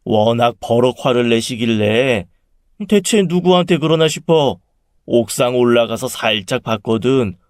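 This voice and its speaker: A man voicing a chatty middle-aged aunt who tells about a dream in a drawn-out, gossipy way. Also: mid-range voice, animated, no echo, studio quality, natural voice. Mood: confiding.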